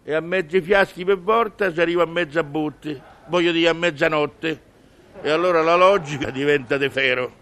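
A comic monologist from Rome, by his accent, muses in colloquial dialect with a wry, conversational humor. His voice is a little high and a bit bright, and he speaks at a moderate pace.

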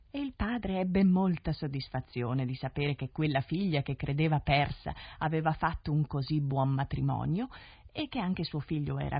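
A woman narrating a fairy tale in an expressive, lilting storytelling style, on a 1970s radio recording. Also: low voice, husky, dry recording. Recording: dull dry 1970s radio studio recording.

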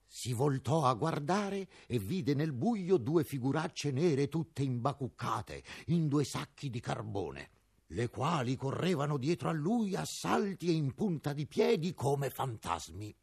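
A man narrating a classic storybook radio drama in an expressive, theatrical reading. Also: medium pitch, measured pace, creaky, husky.

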